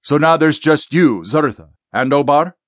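A man voicing a stern, confident male exorcist in an audiobook, delivering forceful, insistent commands. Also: on the high side, lively intonation, a little slow, no room sound, studio quality, pitched above the performer's own voice. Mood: commanding. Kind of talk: audiobook character voice.

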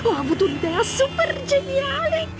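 A man's voice: very high voice, big pitch swings, moderate pace, pitched above the performer's own voice. A man voicing a cheeky, clever young female mouse in a chirpy, sly way.

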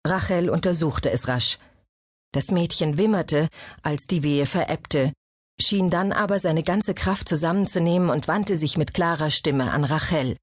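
A woman reading a historical novel as an audiobook in a measured storytelling manner. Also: sits low, dry recording, clean studio sound. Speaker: audiobook narrator. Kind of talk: scripted narration.

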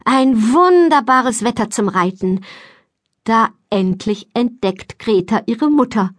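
Lively woman narrator for a kids' audiobook, dry studio read. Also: a little high, slow pace, no echo. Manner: lively, expressive storytelling. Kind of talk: scripted children's story narration. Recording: dry close studio sound.

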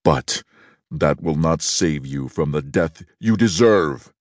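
Guy doing a deep rough monster voice, angry beast from a fairy tale, real low. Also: expressive, takes it slowly, no room sound, clean studio sound, full character voice. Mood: scornful. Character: furious monstrous male beast, menacing. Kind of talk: storybook reading.

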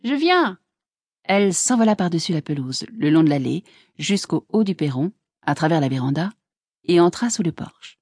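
Low, husky woman narrating an audiobook. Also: expressive, moderate pace, dark tone, no room sound, clean studio sound.

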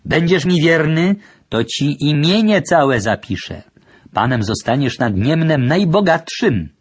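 A wary old grandfather, deaf and half-blind, in a spoken storybook, as the narrator puts him on. His voice sits higher than the teller's own and drags slowly and suspiciously, with a husky edge. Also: very animated, no echo, exaggerated voice. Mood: earnest. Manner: fearful, suspicious questioning.

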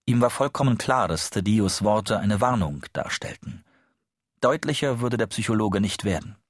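A man narrating an audiobook, telling the story in a steady, expressive manner. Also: lowish voice, normal speed, no echo, studio quality. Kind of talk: scripted narration.

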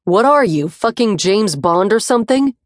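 A woman's voice: medium pitch, expressive, moderate pace, no room sound, studio quality, natural voice. A woman narrator voicing a fun-loving but protective young male friend who snaps back and mocks, in an audiobook. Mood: mocking. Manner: snapping, mocking.

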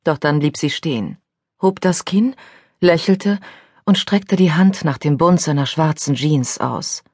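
A woman narrating an audiobook thriller in a measured, unhurried reading style. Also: sits low, a little mellow, slightly rough, no echo, clean studio sound. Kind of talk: scripted narration.

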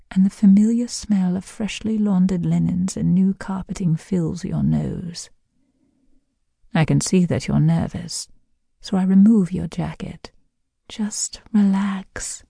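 A woman giving a scripted, intimate second-person narration in a slow, hushed, seductive voice that often drops to a whisper, recorded close to the microphone. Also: lowish voice, fairly even intonation, gravelly, slightly rough, no echo.

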